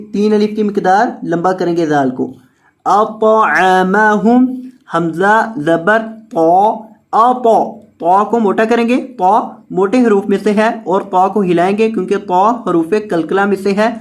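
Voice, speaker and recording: A patient teacher with a Pakistani Urdu accent leads a tajweed lesson, naming each letter and vowel mark in short, careful steps. Between the explanations the verses are chanted in long, drawn-out melodic phrases. The voice sits in an ordinary middle pitch. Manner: spells out letters and vowel marks slowly, then recites in a drawn-out melodic chant. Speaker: Quran teacher. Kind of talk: tajweed lesson, spelling word by word.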